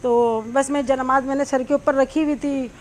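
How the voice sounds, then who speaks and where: A woman's voice: high voice, fairly even intonation, normal speed, darkish tone, a little hiss or hum. A middle-aged woman, host of a cooking channel, chattily telling a long personal story while she cooks, with many small fillers.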